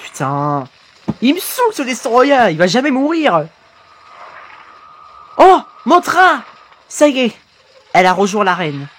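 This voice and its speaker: A young man reacting to a monster animation as a YouTuber, excitable and bursting into shouts and slang. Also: sits high, normal speed.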